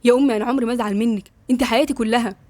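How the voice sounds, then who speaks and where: A woman's voice: a little high, steady tone, rapid-fire, a little mellow, no echo, lightly acted. A woman with an Egyptian accent voicing a proud, angry young man, in a tense, clipped way. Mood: pleading.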